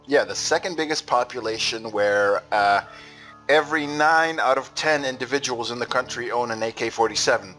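Bright-voiced young man, profane game commentary. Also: mid-range voice. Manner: profane, rambling, self-deprecating. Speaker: gaming video host.

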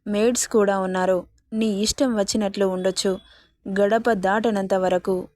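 A cruel, domineering young rich man, read by a woman, speaks in a threatening, possessive way. His voice sits at a middle pitch and sounds close and dry. He is a storybook villain who gives orders. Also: steady tone, normal speed, a little mellow, no room sound, natural voice. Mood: menacing.

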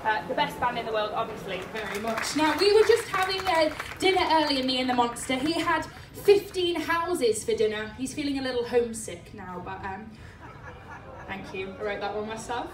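A woman's voice: on the high side, lively intonation, normal speed, background noise. A young woman from Yorkshire with a Northern English accent, presenting as an upbeat, cheery and enthusiastic cruise director. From Yorkshire, England. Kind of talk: presenting to camera and audience. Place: large cruise ship atrium, theatre stage, open port. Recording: echoey, distant mic, loud music and crowd.

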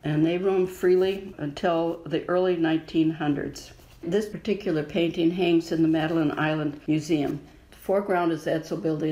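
Woman author, low-pitched, presenting a prepared history slideshow, even and informative. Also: poor audio. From United States. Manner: measured, informative, reading from a prepared text. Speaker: local historian and author giving a talk.

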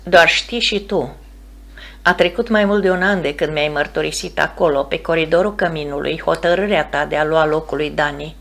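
A woman gives voice to a devout young bride-to-be in an audiobook, calm and tender. Her voice is low and gravelly, and she speaks in an earnest, reassuring way.

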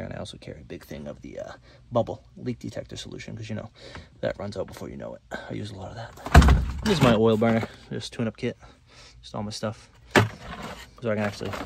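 A man's voice: on the low side, gravelly, very noisy. A self-employed HVAC technician giving a casual, rambling tour of the gear in his work van, listing items with many fillers.

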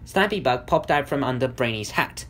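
A man's voice: mid-range voice, normal speed, slight background noise. A man reading a children's storybook aloud with occasional slips and restarts. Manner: lively, with small slips and restarts. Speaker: audiobook reader. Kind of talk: storybook narration.

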